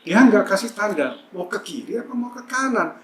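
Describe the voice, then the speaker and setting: In a church hall, a man gives his testimony during a service, his voice high, animated, slightly bright, and at normal speed. He's chatty and tells it like a story, with frequent fillers. The church sounds echoey, with faint ambience in the background.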